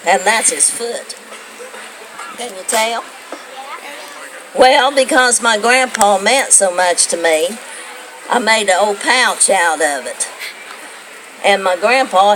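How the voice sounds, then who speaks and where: A woman's voice: medium pitch, slow, long pauses, a bit bright, slight background noise, low-quality recording. An older woman telling homespun stories to a young audience, rambling and asking her listeners questions. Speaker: storyteller. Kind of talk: folksy storytelling to a young audience.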